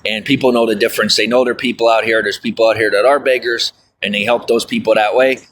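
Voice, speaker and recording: Talking fast in a slightly bright, low-leaning voice with fairly even intonation, this livestreamer reads out viewer comments and rambles folksily, full of fillers and frequent "I'll tell you what."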